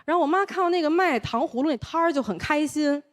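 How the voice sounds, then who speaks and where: Lively woman with a Beijing accent. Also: high-pitched, fast. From Taiwan. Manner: animated, switches between Taiwanese and Beijing intonation for voices. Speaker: stand-up comedian. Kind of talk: stand-up comedy set. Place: comedy stage before a live audience.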